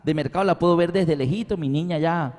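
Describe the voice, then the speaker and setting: A man's voice: fairly high pitch, brisk, darkish tone, pitched below the performer's own voice, lightly acted. A man voicing a grieving mother who pleads with the buyer of her daughter. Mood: pleading. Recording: long hall reverb.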